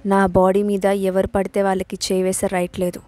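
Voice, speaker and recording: A woman's voice: mid-range voice, monotone, brisk, warm tone, dry recording, lightly acted. A woman voicing a sarcastic, irritable young husband in a storybook reading, speaking in short, curt replies. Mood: curt, irritated.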